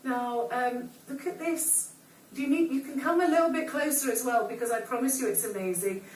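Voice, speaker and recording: High-voiced woman, home shopping host. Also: a little fast. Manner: emphatic, repeats words for emphasis. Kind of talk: live home shopping presenting, chatty sales patter. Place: TV shopping studio. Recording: roomy, distant studio sound, faint noise.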